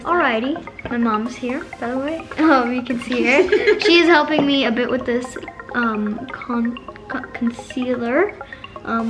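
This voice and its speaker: A woman casually talking through a makeup tutorial, chatty, with lots of fillers and self-corrections. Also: high voice. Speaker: makeup vlogger. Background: background music.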